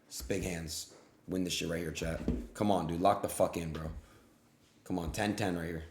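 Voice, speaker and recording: A young man livestreaming his gambling, swearing a lot, swinging between loud outbursts and muttering. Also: low-pitched, steady tone, moderate pace, reverberant, noisy background. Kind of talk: live gambling stream chat.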